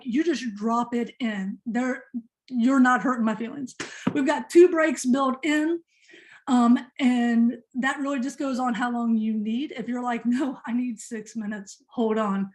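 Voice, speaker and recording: A woman presenting a teacher workshop on a video call, fast-talking and chatty, joking with her audience. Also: sits high. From Indiana. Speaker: professional development presenter.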